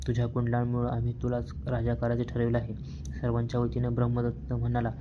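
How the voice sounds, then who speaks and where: A man reads a novel aloud as the first-person narrator, keeping a steady, even storytelling pace. His pitch barely moves, so the delivery sounds almost monotone. The recording is dull and slightly lo-fi. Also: fast talker, background noise. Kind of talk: audiobook reading of a novel.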